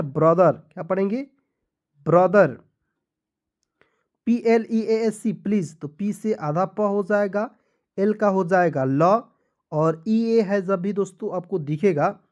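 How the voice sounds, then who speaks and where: An English teacher with a high, slightly mellow voice gives a spoken lesson for beginners. Patient and repetitive, he poses questions and answers them himself, spelling words out letter by letter.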